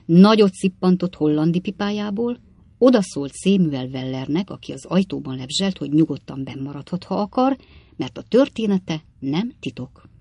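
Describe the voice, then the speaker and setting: A woman with a notably low voice reads a novel aloud in a steady, measured way. The recording is dry and close, with no room sound. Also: slightly rough, no echo. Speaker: audiobook narrator. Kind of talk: audiobook narration.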